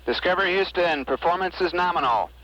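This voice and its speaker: A man's voice: high voice, a little fast, sharp tone, muffled recording. A male mission control communicator on a distant ground-to-space radio link, speaking in clipped radio procedure. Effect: distant ground-to-space radio transmission. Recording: distant, faintly hissy archive radio.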